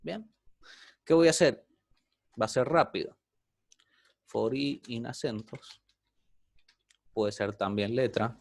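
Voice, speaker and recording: A man's voice: mid-range voice, no echo. A man teaching an online programming class, explaining step by step and often checking in with the students.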